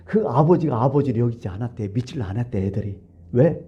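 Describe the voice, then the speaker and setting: A male pastor preaching a conversational, storytelling sermon at a church, swinging between hushed asides and animated bursts, in a dull lo-fi recording. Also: medium pitch, fast. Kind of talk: Wednesday service sermon.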